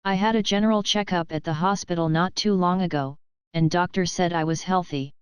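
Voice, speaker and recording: A woman voicing a calm, content elderly female cat who speaks in a measured, reassuring way. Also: lowish voice, smooth, no echo, lightly acted. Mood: serene. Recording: dull, muffled sound.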